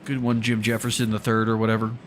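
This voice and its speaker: A man's voice: on the low side, completely flat delivery, fast talker, slight background noise. A man streaming a game, chatting casually and muttering to himself as he plays. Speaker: gaming livestreamer. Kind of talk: casual gameplay commentary.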